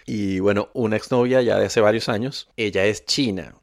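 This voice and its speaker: A man living abroad, telling stories in a relaxed, casual conversation. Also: fairly low pitch, normal speed, creaky. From Venezuela. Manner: relaxed storytelling, asks partner's view.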